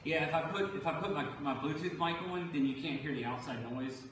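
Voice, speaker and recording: A man's voice: a little high, a little fast, fairly bright tone. Storm-chasing man, echoey and distant from the mic. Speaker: storm chaser livestream host. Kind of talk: live storm commentary, casual. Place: on location on a Caribbean island before hurricane. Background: clear outdoor ambient noise.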